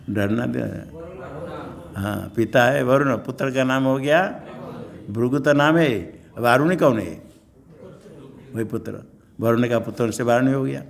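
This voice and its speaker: An older man and monk giving a scripture class in an ashram, explaining slowly and repeating and glossing each term. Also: medium pitch, gravelly.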